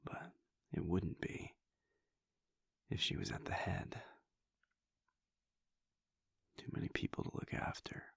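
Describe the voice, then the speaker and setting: This intimate audio roleplay features a man as a weary, brooding vampire prince, confiding softly in a low, husky whisper. His pace is moderate and his voice stays close to everyday speech over a dry recording, with a wry mood throughout.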